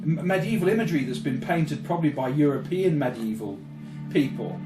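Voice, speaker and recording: A man's voice: on the high side, expressive, brisk, reverberant, music in the background, rough recording. A man co-hosting a casual chat that mocks a film, talking in a blunt, sweary, scornful way. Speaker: co-host.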